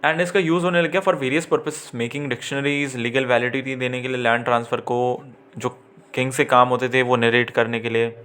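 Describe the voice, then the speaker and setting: A man's voice: medium pitch, flat delivery, normal speed, a bit bright, clean tone. Chatty male teacher. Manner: conversational, often checks in and corrects himself. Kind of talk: exam-prep lecture.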